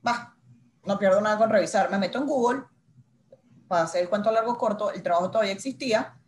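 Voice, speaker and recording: A woman's voice: medium pitch, quick pace. Woman in her thirties telling her story. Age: 30s. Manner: animated, acts out her own inner dialogue. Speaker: guest, journalist. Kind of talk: conversational interview storytelling.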